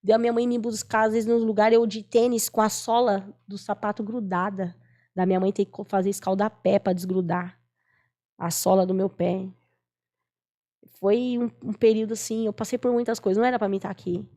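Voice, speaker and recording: A woman's voice: mid-range voice, flat delivery, a little fast, dark tone. Earnest Brazilian woman telling a testimony. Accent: Brazilian Portuguese. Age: 40s. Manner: earnest, storytelling, acts out quoted voices. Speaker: guest giving testimony. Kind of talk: emotional personal testimony.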